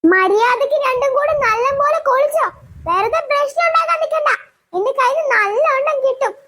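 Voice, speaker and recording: A woman's voice: extremely high pitch, moderate pace, a bit bright, pitched above the performer's own voice. Woman voicing a strict scolding cartoon mother. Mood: stern. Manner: stern, raised voice. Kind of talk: cartoon voice acting.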